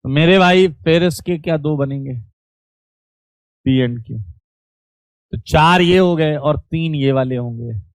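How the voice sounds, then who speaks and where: A man's voice: on the high side, takes it slowly, long pauses, no echo. A man teaching chemistry in an online class, teasing students playfully and calling out their chat answers.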